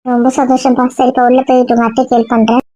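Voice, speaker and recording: Woman as a kindly elder sister, high and chatty, dry lo-fi audio drama. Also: flat delivery, fast, mellow, dry recording, lightly acted. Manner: chatty, affectionate. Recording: dull dry lo-fi sound.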